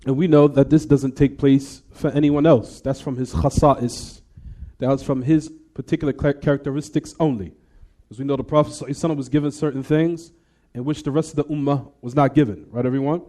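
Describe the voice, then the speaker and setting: With a steady, dark, mid-range voice and a fast pace, an Islamic teacher explains hadith in English. He recites Arabic and frequently quizzes the class by asking "what?"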